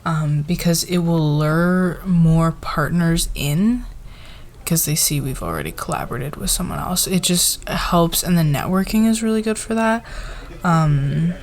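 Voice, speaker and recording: In an ASMR roleplay, a woman plays a friendly, encouraging boss addressing her team in a halting, soft-spoken office style. Her voice is fairly low and expressive, with a mood that's professional yet casual.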